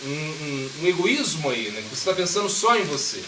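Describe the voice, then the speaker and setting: Man, swami's spiritual talk, fairly high voice, echoey distant recording with background noise. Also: sing-song, fairly quick. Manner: conversational, asks the audience questions, acts out voices. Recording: echoey room, mic far off, noisy.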